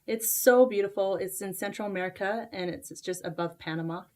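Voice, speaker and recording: A book author born in Costa Rica and raised in Utah speaks as a guest in a casual interview. Her medium-pitched voice is brisk and somewhat dark, and she uses lots of fillers and often restarts her sentences.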